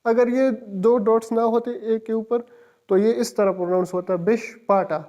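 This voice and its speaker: A man's voice: high-pitched, steady tone, moderate pace, mellow, dull audio. A man teaching an online language lesson, patiently spelling out words letter by letter and repeating each pronunciation.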